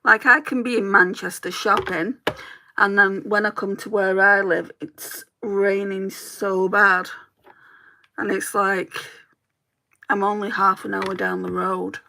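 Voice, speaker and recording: With a Lancashire accent, this beauty streamer from Lancashire, England, talks casually with her audience as she applies makeup and responds to comments. She speaks slowly in a level, mid-range voice that's gravelly and sharp, with a little hiss or hum in the audio.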